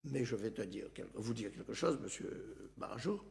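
A man, a mayor on a talk show, telling an anecdote in a lively way and acting out what other people said. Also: lowish voice, normal speed, vocal fry. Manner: lively storyteller who acts out other people's lines and laughs often. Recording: long reverb.

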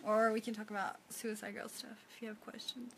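On a phone stream at arm's length, a young New Zealand host chats from a small room, giggling often as she reads viewer comments aloud and responds. She speaks a little fast in a level tone, her voice on the high side. A little hiss or hum is audible.

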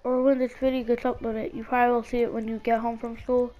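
A young school-age gamer and video creator rattles off casual commentary at a quick pace, with medium pitch and flat delivery, though he still sounds hesitant and rambling and repeats words. His split lip hinders his speech. The sound is lo-fi, with faint music behind.

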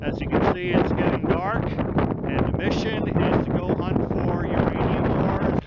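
Man narrating outdoors, lo-fi noisy audio. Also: sits high. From United States. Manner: easygoing, matter-of-fact, pauses with fillers. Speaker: mineral prospecting vlogger. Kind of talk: casual outdoor narration to camera. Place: snowy mountain trail outdoors at night. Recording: dull lo-fi outdoor camera audio with noise.

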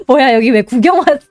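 A young woman streaming a game, commentating excitedly, cheering herself on and mock-calming herself. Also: sits high, no echo. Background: game music.

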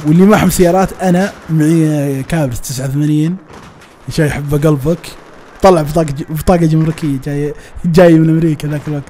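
A man with a Saudi Najdi accent telling a personal story in a casual, lively, colloquial way, often laughing and acting out the people he talks about. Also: fairly high pitch, quick pace, a little hiss or hum. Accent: Saudi Najdi Arabic. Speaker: storyteller recounting his past.

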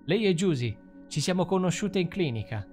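Man doing a chatty teasing woman, pitched up a bit. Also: expressive, normal speed, darkish tone, soft background music. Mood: playful.

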